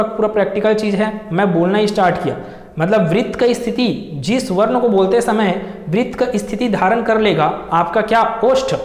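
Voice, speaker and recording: A young man teaches a class, posing a question and then answering it himself, drawing sounds out to show them. His voice sits high. He is recorded in a roomy classroom with long reverb. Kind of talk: explaining a lesson to students.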